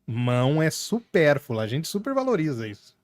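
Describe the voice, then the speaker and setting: A man's voice: a little high, sing-song, a little slow, dry recording, studio quality. A man co-hosting a podcast, telling a jokey anecdote casually with laughter. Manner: joking, laughing anecdote teller. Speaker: podcast co-host. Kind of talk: casual chat.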